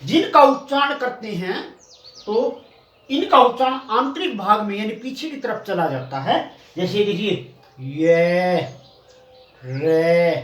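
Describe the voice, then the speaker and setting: A man teaching a pronunciation lesson in a coaching classroom, slowly drawing out each sound and answering his own questions. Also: extremely high pitch, bright, forceful tone. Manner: drawn-out repetition of sounds. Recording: roomy echo, distant mic.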